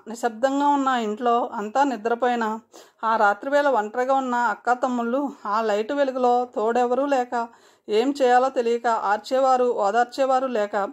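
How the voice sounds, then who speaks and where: Woman, storyteller, novel reading, steady, expressive, higher voice. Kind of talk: novel read aloud.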